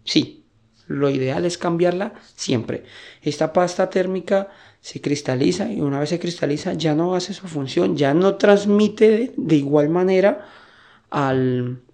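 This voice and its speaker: A man's voice: a little high, unhurried, gravelly, dark tone. A man hosting a computer-maintenance tutorial, explaining step by step in a casual way and often checking that his listeners follow. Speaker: tech tutorial host.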